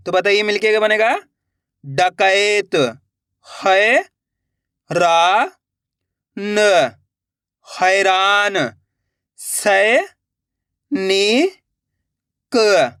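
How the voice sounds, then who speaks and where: A man's voice: high voice, sharp tone, clean tone, no room sound, studio quality. A man teaching beginners to read, patiently sounding out each syllable before blending it into a whole word and giving the viewers instructions. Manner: addresses viewers as friends, gives instructions. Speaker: Hindi reading teacher. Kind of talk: slow syllable-by-syllable reading lesson.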